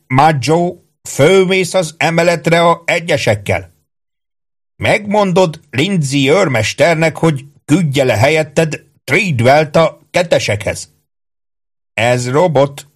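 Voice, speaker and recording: A man's voice: a little high, voice pushed up. A man voicing a bossy, suspicious army sergeant who bellows orders in rustic, slurred speech.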